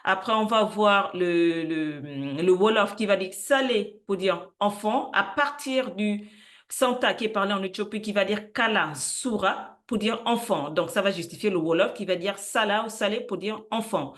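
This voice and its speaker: A woman presenting an educational explainer, listing words slowly and carefully, with frequent hesitations. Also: mid-range voice, fairly bright tone. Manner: unsure of pronunciation in languages she does not speak. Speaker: channel host presenting word roots.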